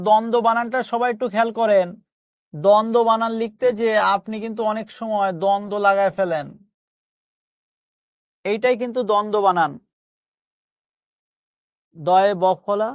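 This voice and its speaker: A man's voice: sits high, no echo, lo-fi sound. A man teaching a pronunciation class online, reassuring his students and slipping English phrases into his lecture.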